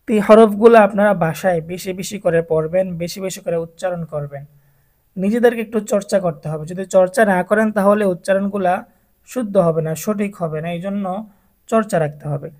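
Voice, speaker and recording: Patient Bangladeshi teacher leading an online class for adult beginners, drilling letter sounds one by one, mid-pitched voice. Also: fairly quick, a little mellow. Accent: Bangladeshi Bengali. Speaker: Quran reading teacher.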